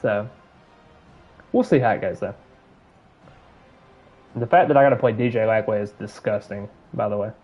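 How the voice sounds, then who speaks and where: With long pauses and a fairly low pitch, this Alabama man talks at normal speed, offering rambling, filler-laden gameplay commentary in a Southern accent while he streams. The sound quality is lo-fi.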